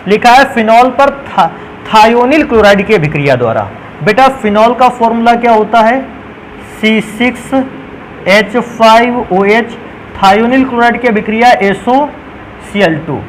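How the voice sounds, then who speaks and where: This high-pitched male chemistry teacher addresses his class as "beta" and answers the questions he raises. The recording is rough, with slight background noise.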